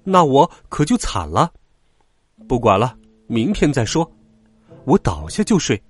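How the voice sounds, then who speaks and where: A man telling a children's story aloud with lively, expressive intonation. His voice is a little husky and sits at a middle pitch. Soft music plays faintly underneath. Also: a little slow. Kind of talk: scripted story narration for children.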